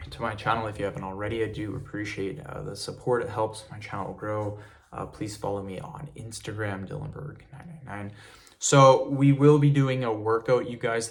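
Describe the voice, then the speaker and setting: A man hosting a tutorial, talking casually as he instructs viewers step by step through exercises. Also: lowish voice. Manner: instructional, counting reps and cueing breaks.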